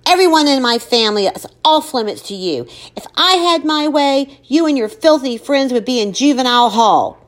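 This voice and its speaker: A woman's voice: mid-range voice, animated, unhurried, natural voice. A woman voicing a stern, angry middle-aged mother who scolds her daughter sharply.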